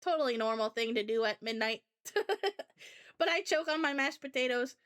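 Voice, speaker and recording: High, bright-voiced woman telling a rambling story. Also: moderate pace. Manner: rambling, chatty anecdote telling. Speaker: VTuber streamer. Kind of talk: casual storytelling chat.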